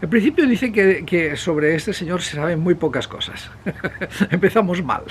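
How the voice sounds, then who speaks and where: A high-voiced Spanish man presents a history video without a script, talking conversationally. He rambles and hesitates, with pauses, digressions and self-corrections. A clear, steady background noise runs under the recording.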